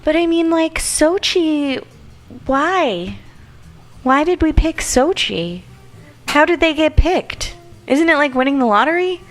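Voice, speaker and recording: A woman's voice: high-pitched, animated, slow pace, faint music behind. A woman co-hosting a radio studio podcast, reading out the news with playful, teasing banter. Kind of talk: casual banter.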